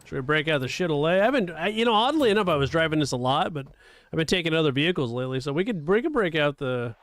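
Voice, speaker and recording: A man casually chatting with his viewers while he live-streams a racing game. He talks in a relaxed way and chuckles often. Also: on the high side, quick pace, dry recording. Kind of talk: casual gaming stream chat.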